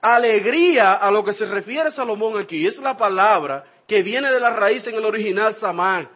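A man's voice: sits high, normal speed. A man preaching a sermon, addressing the congregation directly and acting out the people he quotes with shifting voices. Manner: animated, acts out quoted speech with shifting voices.

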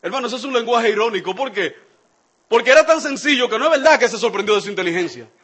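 A man delivers a sermon in a fairly high voice. He speaks straight to his congregation in an animated way, slipping into different voices when he quotes people. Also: quick pace, breathy edge. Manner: animated, acts out quoted speech with shifting voices; addresses the congregation directly. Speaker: preacher.

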